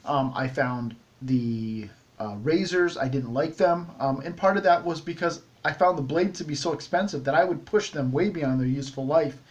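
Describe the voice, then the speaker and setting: A man's voice: on the high side, moderate pace. Rambling man hosting a shaving vlog. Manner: rambling, many ums and restarts. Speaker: shaving video host. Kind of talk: casual vlog talk to camera.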